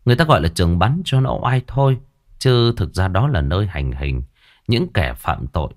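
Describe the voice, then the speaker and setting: A man narrating a ghost story in a lively, colloquial storytelling manner. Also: low-pitched, moderate pace.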